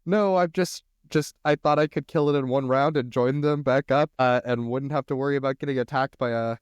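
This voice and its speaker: Smooth-voiced man calling dice numbers. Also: mid-range voice, steady tone, fairly quick, no room sound, highs cut off. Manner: matter-of-fact, reads out dice numbers. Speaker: player. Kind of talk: casual tabletop play.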